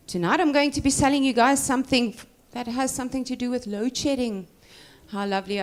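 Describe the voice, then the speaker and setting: Woman working as auctioneer. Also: mid-range voice. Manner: repeats numbers while calling bids. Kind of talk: auctioneer bid-calling and presenting.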